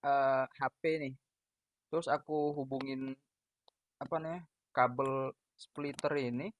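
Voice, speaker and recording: Unhurried and steady in tone, the young host from Medan, Indonesia, speaks with a Medan accent and a powerful, booming voice. His casual video-call chat is loud, full of laughter, and self-deprecating. The call audio is lo-fi, dull, and dry.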